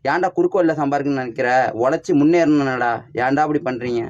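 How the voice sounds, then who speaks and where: A young man with a Tamil Nadu village accent in a casual comedy skit, excitably firing questions and scolding his friend. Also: medium pitch, fast, dry recording, muffled recording.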